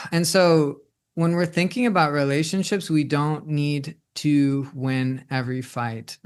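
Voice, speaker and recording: A man in his twenties talks through a personal reflection, rambling and restarting often. His voice sits a bit high for a man and comes across smooth and clear. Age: 20s. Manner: rambling, many restarts and "like" fillers. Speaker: host.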